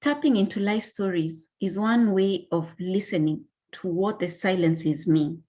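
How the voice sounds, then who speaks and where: A woman from Kenya with a Kenyan accent, reading a personal narrative as a conference panelist in a measured, deliberate way. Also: medium pitch, mellow.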